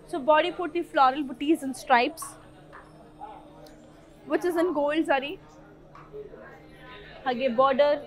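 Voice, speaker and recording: A woman's voice: high-pitched, poor audio. A young woman with a South Indian accent presenting sales items in a showroom, enthusiastic and gushing. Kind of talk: live sales presentation, switching between languages. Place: saree showroom, indoors.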